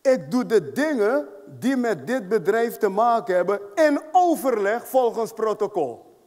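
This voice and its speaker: A man with a high voice preaches a sermon in a church hall, and a long reverb trails after his words. He presses each point home, repeats key phrases and keeps asking his listeners whether they follow. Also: very animated, unhurried, darkish tone. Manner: emphatic, repeats points with rhetorical questions. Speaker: apostle preaching.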